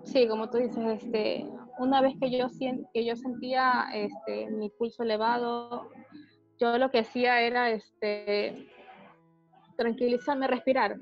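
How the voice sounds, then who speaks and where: A woman giving a personal testimony in a conversation, speaking hesitantly with many pauses and restarts. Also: a little high, fairly even intonation, dull audio, soft background music. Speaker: interviewee describing her panic attacks.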